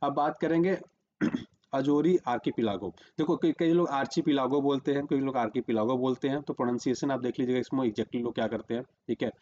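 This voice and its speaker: A man's voice: mid-range voice, a little mellow, lo-fi sound. A man teaching a current-affairs lesson for exam prep, repeating "remember" and "okay" while marking a map on screen.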